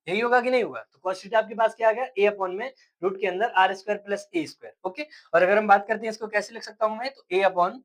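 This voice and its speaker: A man's voice: sits high, poor audio. A man teaching a physics lecture step by step, asking questions and answering them himself. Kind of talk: classroom lecture.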